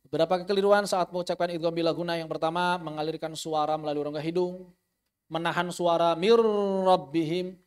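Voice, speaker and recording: Man, high voice, tajweed teacher who repeats terms and demonstrates recitation. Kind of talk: online tajweed lesson.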